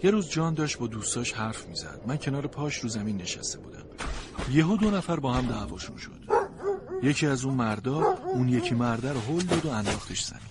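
A man tells a story in first person, speaking as a dog, with an earnest and expressive delivery. His voice sits at an ordinary middle pitch. Clear noise runs under the recording. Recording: noisy background.

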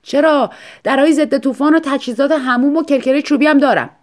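A woman voicing a polite travelling salesman making his pitch, in a storybook reading. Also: big pitch swings, a bit bright.

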